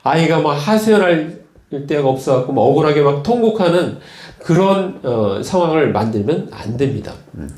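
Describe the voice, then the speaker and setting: Korean pastor preaching in a roomy church. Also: male voice, a little high, animated, moderate pace, a little mellow. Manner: storytelling with many fillers and repeated words. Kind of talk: sermon.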